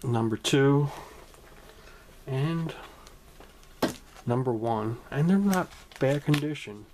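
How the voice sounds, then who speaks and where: In a room at home, a man chats to the camera about his comic book haul in a casual vlog, rambling with lots of ums and restarts. His voice is medium-pitched and expressive, his pace slow, and the background noisy.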